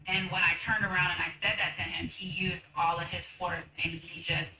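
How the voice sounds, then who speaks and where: A woman's voice: on the low side, level tone, normal speed, recorded from a distance, noisy background. Woman interviewee, former chef, candid and tense; echoey room, mic set back. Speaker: former personal chef giving testimony. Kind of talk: documentary interview testimony.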